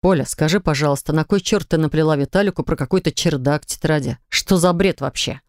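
A woman voicing a quick-tempered young husband, curt and exasperated, in a lower voice in an audiobook. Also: darkish tone, no room sound, studio quality, close to an everyday voice. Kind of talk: audiobook character reading.

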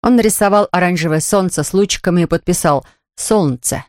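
Reading a kids story out loud, mid voice, dry sound no room. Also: medium pitch, quick pace, no echo. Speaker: narrator.

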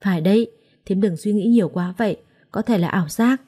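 A woman voicing a practical sister-in-law in a told story, talking in a brisk, matter-of-fact way. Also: mid-range voice, mellow, slightly rough, lightly acted. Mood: reasoning.

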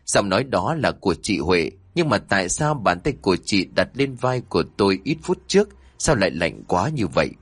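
Low, expressive man narrating horror. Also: no room sound. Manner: dramatic, expressive storytelling. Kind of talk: scripted horror story narration.

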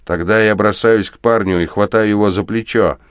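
A man narrating first-person war prose in a steady, grim, measured audiobook reading. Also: lowish voice, no room sound, studio quality.

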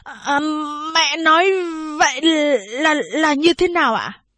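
A woman's voice: high-pitched, expressive, takes it slowly, sharp tone, no room sound, pitched above the performer's own voice, exaggerated voice. Woman doing a slurring drunk young man. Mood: drunken drawl. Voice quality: slurred, drawling.

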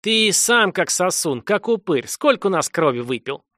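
A man's voice: high-pitched, sing-song, normal speed, sharp tone, no room sound, clean studio sound, voice pushed up, full character voice. Spiteful peasant woman, as a man puts her on. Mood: mocking. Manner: mocking.

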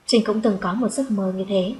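A woman narrating a story in the first person as an audiobook, in a calm, reflective way. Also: mid-range voice, moderate pace, a little hiss or hum, rough recording.

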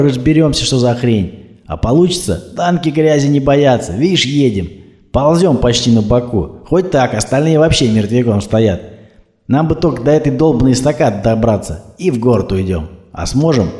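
A man voicing a rude, swaggering young male thug who shouts at other drivers. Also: mid-range voice, pitched above the performer's own voice, lightly acted. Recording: roomy echo.

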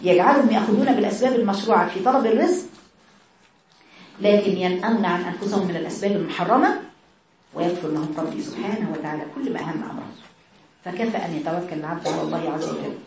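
A woman's voice: on the low side, racing, a little mellow, slight background noise. A woman with an Egyptian accent giving a religious lesson in a conversational way, asking her listeners rhetorical questions. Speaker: religious teacher. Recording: very echoey room, voice far from mic.

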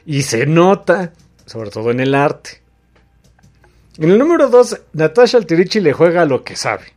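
A man hosting a casual comic book podcast, retelling the story in a joking, animated way. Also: a little high, moderate pace, soft background music. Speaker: podcast host.

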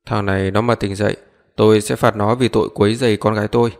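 A man doing a gruff, jovial old commander. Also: lowish voice, steady tone, quick pace, close to an everyday voice. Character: older military commander, proud father. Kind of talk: audiobook reading. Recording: long reverb.

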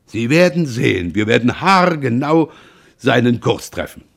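A man's voice: mid-range voice, very animated, unhurried, gravelly, exaggerated voice. A man reading aloud, voicing a boastful old sea captain who speaks proudly and emphatically. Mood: confident.

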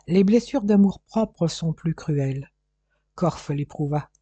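A man narrating a crime novel as an audiobook in an even, measured storytelling manner. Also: on the high side, husky, no echo, lo-fi sound.

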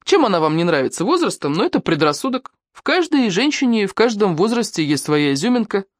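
A woman's voice: mid-range voice, big pitch swings, brisk, no room sound, pitched above the performer's own voice. A brash, leering young man from an audiobook, read by a woman. He talks in a swaggering, mocking way. The sound is close and dry.

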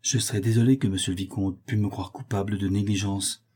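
A man's voice: fairly low pitch, steady tone, a little fast, mellow, slightly rough. A man reading the part of a formal, apologetic valet excusing himself to his master. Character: fussy, deferential male valet.

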